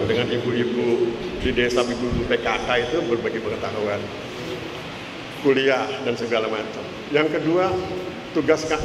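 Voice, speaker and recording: A man in his sixties gives a motivational talk in a mosque, chatty and joking as he keeps turning to his listeners for a nod. His mid-range voice rings through a large, reverberant hall with steady background noise behind it. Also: medium pitch. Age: 60s. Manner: chatty and joking, often checking in with the audience with 'ya?'. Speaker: lecturer giving a mosque talk.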